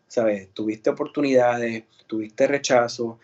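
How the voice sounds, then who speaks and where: A man's voice: mid-range voice, steady tone, measured pace, a little mellow, highs cut off. A Puerto Rican man, an actor and singer, telling his story in a casual interview with many fillers and restarts. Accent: Puerto Rican Spanish. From Puerto Rico.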